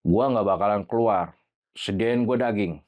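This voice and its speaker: A man voicing a menacing male spirit that has possessed a boy, speaking in a deep, bassy voice. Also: unhurried, darkish tone, natural voice.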